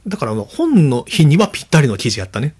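A man with a Kansai accent hosting a casual podcast chat, lively and acting out quoted lines. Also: quick pace. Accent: Kansai Japanese. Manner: animated, acts out quoted lines in a higher voice. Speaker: podcast host.

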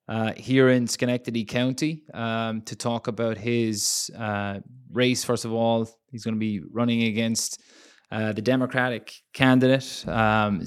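A man's voice: mid-range voice, fairly bright tone, clear, resonant tone. A young man co-hosting a casual political podcast, rambling with many fillers and restarts. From Ireland. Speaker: podcast co-host.

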